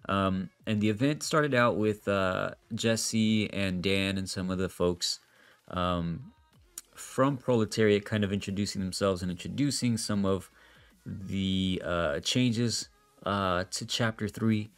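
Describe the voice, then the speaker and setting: A man with a cold, speaking in a nasal voice, gives relaxed, chatty gameplay commentary as a voice-over. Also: low-pitched, takes it slowly, smooth, dry recording. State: sick with a nasal voice. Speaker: gaming content creator. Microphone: voice-over recorded apart from the footage.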